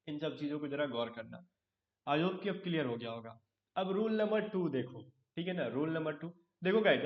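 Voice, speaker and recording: A man teaching an online English grammar class, asking his students question after question and adding joking asides. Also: high voice. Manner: explains with repeated questions to students. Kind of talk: online live class lecture. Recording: roomy, distant, dull sound.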